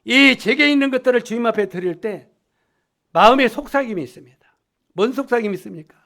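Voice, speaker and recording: A man preaching a sermon to a congregation as a lay preacher, emphatic, swinging from loud lines to near-whispers. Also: very high-pitched, animated, fast talker, creaky.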